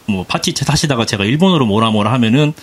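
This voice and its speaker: A man's voice: medium pitch, lively intonation, fast talker, slightly rough. A man in his thirties chatting casually on a gaming podcast, rambling with fillers and restarts. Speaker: podcast panelist. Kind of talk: casual chat.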